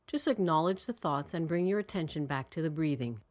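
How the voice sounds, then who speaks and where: Leading a guided meditation, this woman keeps her low-sitting voice calm and soothing. Her delivery is measured, with long silences between phrases.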